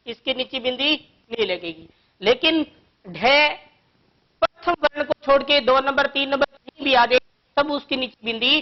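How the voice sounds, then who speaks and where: A woman teaching a grammar lesson to young children, explaining patiently and slowly with one example after another. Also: sits high, dull audio.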